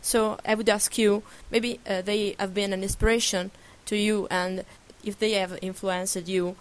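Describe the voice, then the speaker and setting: A woman's voice: medium pitch, flat delivery, measured pace. A woman interviewer outdoors, asking long questions in English and searching for words with frequent uhs.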